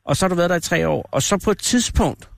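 A man's voice: sits high, expressive, vocal fry, dry recording, clean studio sound. A man in his fifties hosting a radio show, chatting and teasing a caller with curious questions. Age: 50s. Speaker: radio host. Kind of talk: casual phone interview.

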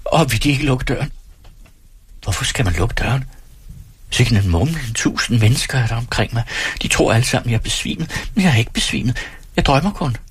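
A man with a very breathy, husky voice reads a dramatic literary monologue aloud in the first person, as a woman's racing thoughts. The sound is dry and close, with no room around it, and his laughs come out high and breathy. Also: expressive, dry recording. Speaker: audiobook reader.

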